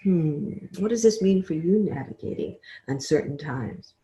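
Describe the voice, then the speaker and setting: An older woman giving a webinar talk, telling stories expressively and often trailing off into a soft, quiet voice. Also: low-pitched, expressive, normal speed. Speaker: webinar speaker. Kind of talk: storytelling talk. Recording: roomy echo.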